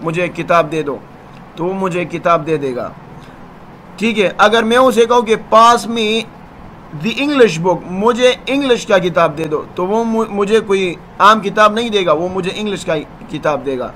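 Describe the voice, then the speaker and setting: Male English teacher, slow and high-pitched, patient explainer, light traffic noise. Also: pushed and bright. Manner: patient, repeats "ठीक है ना?" to check understanding. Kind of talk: explaining grammar lesson.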